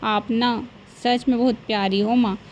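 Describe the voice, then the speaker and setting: A woman's voice: a little high, steady tone, a little slow, a little mellow, slight background noise, close to an everyday voice. A woman voicing a young, put-upon daughter-in-law in a cartoon, speaking in a pleading, complaining manner.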